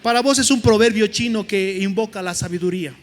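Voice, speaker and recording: High-voiced pastor preaching. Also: male voice, brisk. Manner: conversational, joking asides to the congregation. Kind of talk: sermon. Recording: echoey hall with soft music.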